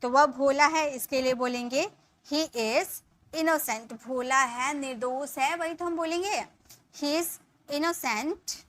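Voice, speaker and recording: A young woman teaches spoken English in a high, bright voice. She dictates each example sentence slowly and lets the ends of her sentences fall away softly.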